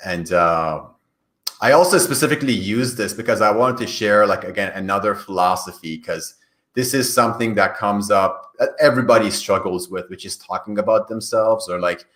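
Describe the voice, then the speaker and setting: In a conversational podcast interview, a man from Iran whose native language is Farsi answers earnestly and explains things as a career coach. His voice is fairly low and fairly bright, moving at a moderate pace, and the room around him is echoey and reverberant.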